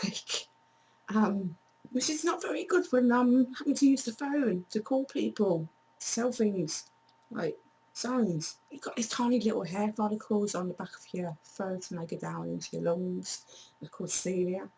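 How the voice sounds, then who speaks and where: A woman talks casually to camera in a home vlog, her voice hoarse and cracking as it fades. She is chatty and blunt, swears easily, and speaks at a middling pitch for a woman. A faint hum sits under the recording. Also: measured pace, darkish tone, low-quality recording. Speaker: vlogger.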